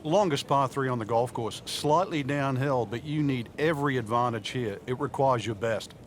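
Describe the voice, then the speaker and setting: A man works as a golf commentary analyst, explaining play in a conversational way. His voice is medium in pitch, with slight outdoor noise behind it. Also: moderate pace. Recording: faint outdoor background noise.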